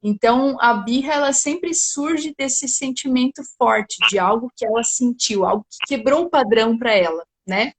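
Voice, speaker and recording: A woman's voice: fairly high pitch, normal speed, few pauses. A woman speaking at home in a live talk as a parenting guest, often ending phrases with "né?". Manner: tags sentences often with 'né?'. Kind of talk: casual explanation in a live talk.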